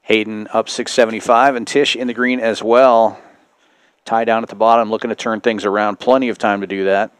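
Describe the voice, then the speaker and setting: A man's voice: lowish voice, level tone, fairly quick, smooth, no room sound. A man hosting a poker stream, giving casual live commentary on the game.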